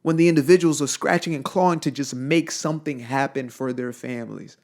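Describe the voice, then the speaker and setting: A man's voice: medium pitch, a little fast, a little mellow. A young man from Zimbabwe giving an emphatic, blunt motivational monologue, repeating phrases for weight. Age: young adult. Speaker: motivational speaker.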